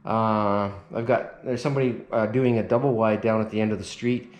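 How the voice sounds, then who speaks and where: A man in his fifties giving a relaxed, rambling how-to walkthrough, full of fillers, filmed on a handheld camera inside an empty mobile home. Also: fairly low pitch, brisk, lo-fi sound, slight background noise. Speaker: renovation vlogger. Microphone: action camera held at arm's length. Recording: echoey bare room.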